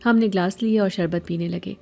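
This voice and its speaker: A woman telling a scripted horror story in steady, even narration. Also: mid-range voice, gravelly.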